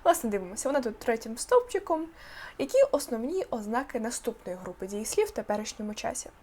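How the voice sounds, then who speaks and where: A woman teaching an online language lesson, explaining patiently and sounding out example words slowly. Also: a little high, expressive, a little mellow.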